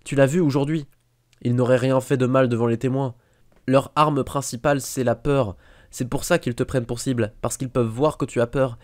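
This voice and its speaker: A man voicing a clever, intense eleven-year-old boy wizard who talks in an earnest, quick way, read in a fan audiobook. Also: medium pitch, steady tone, darkish tone, voice pushed up, lightly acted. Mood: remorseful.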